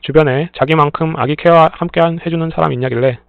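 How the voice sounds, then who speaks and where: A man reading listener stories aloud in a plain, steady way, adding brief dry remarks between them. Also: fairly high pitch, quick pace, vocal fry, no echo. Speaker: story reader and channel host. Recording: tinny phone-like dry sound.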